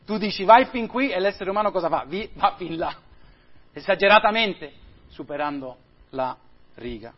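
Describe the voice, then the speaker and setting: A male pastor preaching a sermon and praying, emphatic and building to loud peaks, recorded with dull lo-fi sound. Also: on the high side, animated, moderate pace, long pauses.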